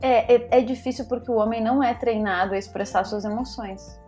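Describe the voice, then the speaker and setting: A woman's voice: on the high side, steady tone, fairly quick, dark tone, soft background music. A middle-aged woman, a psychologist talking on a podcast in an emphatic way that repeats rhetorical questions. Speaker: psychologist guest. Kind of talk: podcast conversation.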